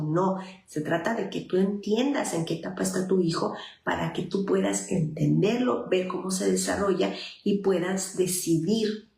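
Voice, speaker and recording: A woman's voice: fairly low pitch, creaky, a little mellow, echoey room. A woman with a Mexican accent, a psychologist talking earnestly and directly to parents, with many fillers. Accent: Mexican Spanish. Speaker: psychologist giving parenting advice. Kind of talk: informal advice talk to parents.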